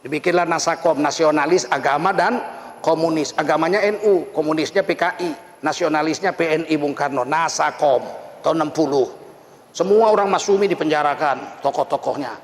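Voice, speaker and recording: A man preaching a lively, humorous sermon, teasing and laughing as he mimics the people he mentions. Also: a little high, fairly quick. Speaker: Islamic preacher. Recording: echoey hall, faint ambience.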